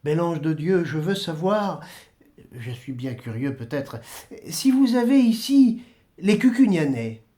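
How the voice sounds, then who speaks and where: A man's voice: on the high side, big pitch swings, measured pace, dark tone. A man reading aloud and voicing an anxious, humble village priest who pleads and stammers. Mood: pleading.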